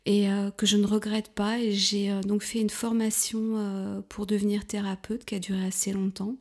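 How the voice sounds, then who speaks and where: A woman in her fifties from France, speaking as an interview guest in a hesitant way, with many fillers, restarts and soft, half-whispered stretches. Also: mid-range voice, little pitch movement, normal speed. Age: 50s. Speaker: guest, couples therapist. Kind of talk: casual interview talk.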